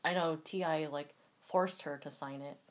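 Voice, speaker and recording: A woman's voice: sits low, fairly even intonation, moderate pace. A woman in her thirties co-hosting a casual talk show, blunt and wry. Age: 30s. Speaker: podcast co-host.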